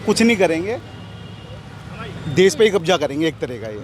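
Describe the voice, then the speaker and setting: A man's voice: fairly high pitch, big pitch swings, normal speed. A man stopped on the street, complaining angrily and repeating his points. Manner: angry, repetitive complaints. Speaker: passer-by interviewee.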